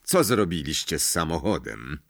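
A man's voice: very deep voice, sing-song, moderate pace, vocal fry, dry recording, clean studio sound, voice pushed down, exaggerated voice. A man voicing a cold, mocking male potions professor in an audiobook, with icy, sarcastic delivery.

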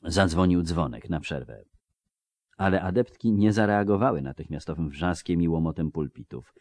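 Low-voiced man narrating a story. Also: expressive, moderate pace, a little mellow, dry recording. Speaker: audiobook narrator. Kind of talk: scripted narration.

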